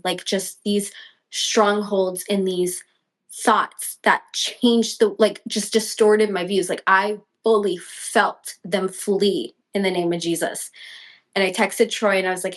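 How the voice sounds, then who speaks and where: A young woman guest telling a personal story, acting out her own quotes with big leaps in pitch. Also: steady tone, slow pace. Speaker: podcast guest.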